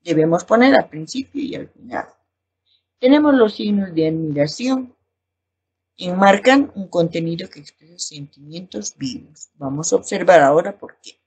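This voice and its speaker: A woman teacher with a Bolivian Spanish accent, explaining a lesson slowly and reading examples aloud. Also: fairly low pitch, lively intonation, a little mellow, husky. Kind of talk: recorded class lesson.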